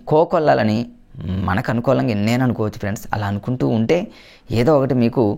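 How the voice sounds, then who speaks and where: A man runs through exam-prep memory tricks at a brisk clip. His voice sits at an ordinary middle pitch, and he keeps the tone chatty, calling his viewers friends as he goes. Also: gravelly, darkish tone. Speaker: exam coaching teacher.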